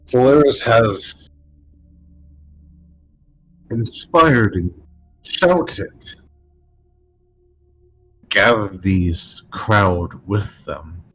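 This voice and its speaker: A man running a tabletop game as game master, narrating slowly in halting bursts while his audio cuts in and out over a bad connection. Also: lowish voice, a bit bright, poor audio. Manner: halting, slow scene-setting with long pauses. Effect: bad connection, audio cutting in and out. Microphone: headset or desk mic on a voice call.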